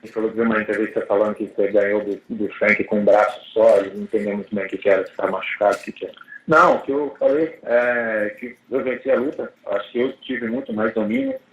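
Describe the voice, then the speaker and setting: Casting: Brazilian-accented man, lowish voice, extremely quick talk, dull echoey speakerphone sound. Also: animated, slight background noise. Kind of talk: conversational answers and translation on a press call. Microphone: telephone conference call.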